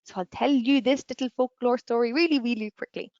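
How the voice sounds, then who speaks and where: A young woman presents trips in a gushing, bubbly manner over a video call. Her voice sits on the higher side. The sound is lo-fi and dry. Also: fairly quick, a little mellow, no room sound. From Northern Ireland. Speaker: travel presenter. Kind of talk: online travel showcase presentation.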